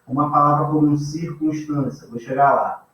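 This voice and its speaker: A man's voice: on the high side, flat delivery, normal speed. A Brazilian man teaching a grammar class in a casual way, often checking in with his students. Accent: Brazilian Portuguese. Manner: casual, checks in with frequent "tá?" and "beleza?". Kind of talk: informal classroom lecture. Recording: echoey room, distant mic, dull sound.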